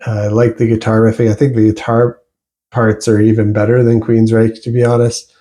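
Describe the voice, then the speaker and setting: A man reviewing new albums in a relaxed, rambling way, often pausing and restarting his sentences. His voice is dark and mellow. He delivers it all in a flat, even tone with little rise and fall. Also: lowish voice. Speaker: music reviewer. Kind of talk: casual album review vlog.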